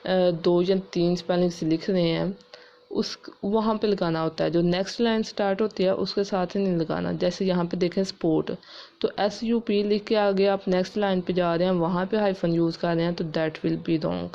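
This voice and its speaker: A woman English teacher explaining grammar rules step by step, spelling words out letter by letter and reading English rules slowly and carefully. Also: on the low side, steady tone, creaky, mellow, highs cut off. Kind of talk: classroom-style grammar lesson.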